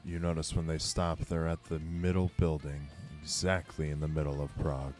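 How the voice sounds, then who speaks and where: A man with an extremely deep voice narrates a tabletop game as its game master. He describes the action in a grim, dramatic way. Quiet music plays underneath him. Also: flat delivery, moderate pace. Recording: faint background music.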